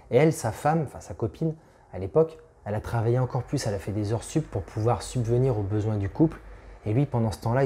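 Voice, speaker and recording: Young male motivational vlogger, low mellow voice, chatty and informal. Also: a little hiss or hum. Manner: chatty, addresses viewer as "tu", frequent restarts. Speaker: motivational YouTuber. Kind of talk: casual direct-to-camera talk.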